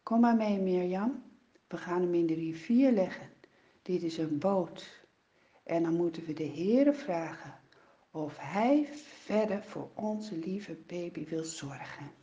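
An anxious, loving mother in a spoken children's storybook, her voice low, slow and hushed with earnest care, as a woman storyteller plays her. The recording sounds muffled and lo-fi. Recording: dull lo-fi recording.

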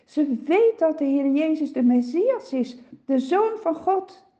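A woman narrating a children's Bible story gently and expressively, with soft sighs. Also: sits high, expressive, unhurried, lo-fi sound.

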